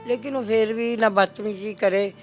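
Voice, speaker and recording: A woman's voice: medium pitch, steady tone, moderate pace, soft background music. An older woman with a Punjabi accent, grief-stricken, telling a reporter what happened in a pleading, repetitive way. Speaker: mother of the victim. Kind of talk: grieving testimony to a reporter.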